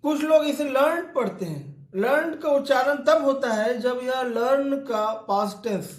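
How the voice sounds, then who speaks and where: Male literature lecturer, very high voice, slow deliberate readings, echoey room. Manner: reads English quotations slowly, then explains them in Hindi. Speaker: English literature teacher. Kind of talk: line-by-line lecture explanation.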